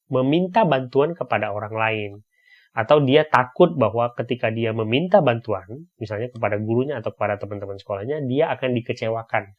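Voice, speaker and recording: A man's voice: medium pitch, dull audio. A man giving a casual, conversational explanatory talk, often checking in with tag questions.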